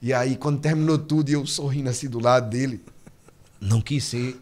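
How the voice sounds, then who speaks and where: A man, a missionary guest on a podcast, telling stories in a lively, repetitive, acted-out way. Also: mid-range voice, a little fast. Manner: vivid storyteller, repeats himself, acts out scenes. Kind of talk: casual storytelling interview.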